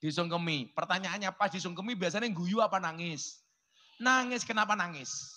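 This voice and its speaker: A man's voice: sits high, moderate pace, pushed and bright. A man with a Javanese accent giving a humorous sermon, joking and chatting with the audience. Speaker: preacher. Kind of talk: humorous sermon to a village crowd.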